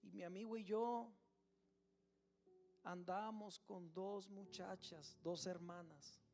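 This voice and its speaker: A man's voice: sits high, fairly even intonation, slow, vocal fry, darkish tone, faint music behind. A man gives a sermon testimony, telling a personal story with animation and often calling his listeners to attention. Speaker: preacher giving a testimony. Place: church service streamed live.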